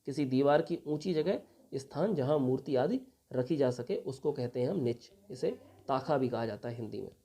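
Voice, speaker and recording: A man's voice: medium pitch, expressive, normal speed, dark tone, breathy edge. A young adult man from India teaching an exam vocabulary lesson, patiently repeating each meaning and spelling words out.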